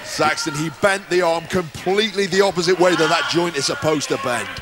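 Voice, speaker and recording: A man's voice: a little high, a little fast, over loud music. A man giving analytical wrestling commentary in an intense, explanatory and emphatic manner.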